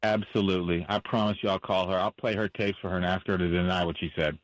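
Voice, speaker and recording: A man's voice: sits low, steady tone, quick pace, dry recording, rough recording. A man speaking as a defense attorney in a radio interview, blunt and impassioned, repeating himself for emphasis.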